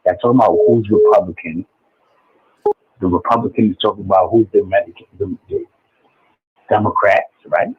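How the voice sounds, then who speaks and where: A man in his forties calling into a show over a muffled, low-quality phone line that sounds underwater, rambling and hard to follow. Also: big pitch swings, fairly quick, pauses often, slightly rough, no echo. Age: 40s. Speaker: caller. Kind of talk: call-in show chat.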